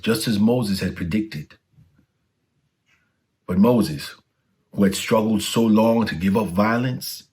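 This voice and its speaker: A low-voiced man narrates a children's storybook, reading from a script the way a storyteller reads aloud.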